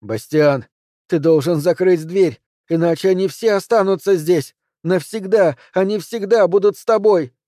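Man voicing a shrill panicked woman medium. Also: very animated, normal speed, hardly any pauses, dark tone, no echo, studio quality. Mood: frantic. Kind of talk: audiobook character voice.

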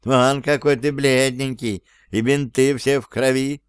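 A man's voice: medium pitch, fairly even intonation, unhurried, clean tone, no room sound, lightly acted. A man voicing a sly talking cat who teases in a drawl. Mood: teasing. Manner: teasing, drawled.

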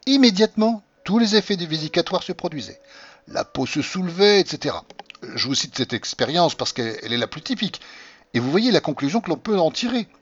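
A man reading the part of an earnest doctor who explains things patiently and convincingly, in a husky voice. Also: on the high side, big pitch swings, fairly quick, highs cut off, pitched above the performer's own voice. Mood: explaining.

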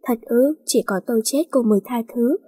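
A woman's voice: fairly high pitch, a little fast, dark tone, husky. A woman voicing a remorseful young man who pleads earnestly for forgiveness. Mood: pleading.

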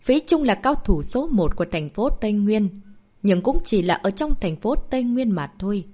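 Woman narrating with a lively voice. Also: medium pitch, moderate pace. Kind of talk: dramatic audiobook narration.

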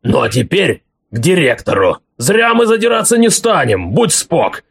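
Man growling as a gravelly thuggish shadow. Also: fairly high pitch, wildly swooping pitch, normal speed, a bit bright, exaggerated voice. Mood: swaggering menace. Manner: blunt slangy street talk. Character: living shadow, coarse bullying male sidekick.

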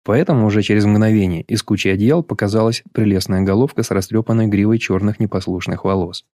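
A man reading an audiobook in scripted narration, measured and even, on a close mic. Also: on the low side, dry recording.

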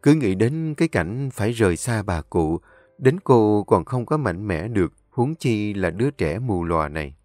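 A male storyteller with a calm, heartfelt delivery. His voice sits dry and close to the mic, with quiet music beneath. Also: fairly low pitch, normal speed, no room sound. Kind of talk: scripted story narration.

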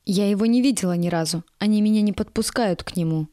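A woman's voice: mid-range voice, fast talker, dark tone, no room sound, studio quality, close to an everyday voice. A woman voicing an embittered middle-aged kindergarten teacher who speaks in curt, clipped sentences. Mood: bitter.

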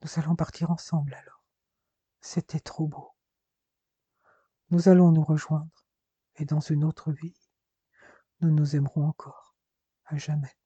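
A man voicing a wounded young man near death, speaking softly and tenderly. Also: on the high side, flat delivery, measured pace, pauses often, breathy edge, dry recording, highs cut off. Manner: soft, hushed, tender. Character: wounded dying young man, devoted lover.

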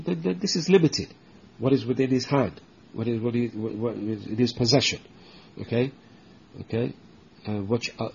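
A man teaching a religious book lesson, explaining slowly with many restarts and checking in with "okay?", and reciting Arabic verses quickly. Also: medium pitch, muffled recording, a little hiss or hum. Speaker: Islamic teacher.

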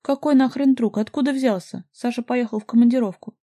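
A woman reading an audiobook, voicing a quick-tempered young man who snaps and shouts on the phone. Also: mid-range voice, fairly even intonation, natural voice. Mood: furious. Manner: shouting, snapping.

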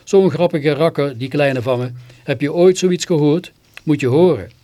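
A man voicing a jolly, slow-witted farmer who laughs at everything, with a booming belly laugh and a slow, good-natured drawl. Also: dark tone, close to an everyday voice.

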